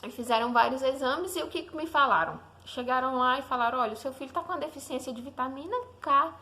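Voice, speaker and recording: A woman's voice: high-pitched, fast, pushed and bright. Woman telling a personal testimony. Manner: conversational, often asks the listener "né?". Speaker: mother telling her baby's story. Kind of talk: personal faith testimony, casual storytelling.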